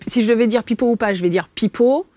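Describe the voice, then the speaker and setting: A woman in her forties, a dietitian, explaining in a lively way with frequent hesitations and fillers in a casual interview. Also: fairly high pitch, fast, no echo. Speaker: dietitian guest.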